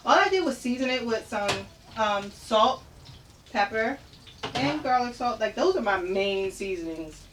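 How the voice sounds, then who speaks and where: A woman's voice: medium pitch, background noise. A woman hosting a live cooking demonstration from her kitchen, chatty and upbeat and often laughing. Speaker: cooking show host. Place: home kitchen. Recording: distant mic with loud sizzling pan.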